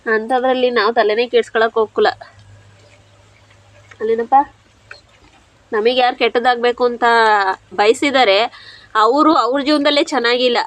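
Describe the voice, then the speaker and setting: Chatty village woman, higher voice. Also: fairly even intonation, normal speed, pauses often, dry recording. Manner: chatty, frank, teasing. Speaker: village vlogger. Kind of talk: casual talk to viewers while cooking.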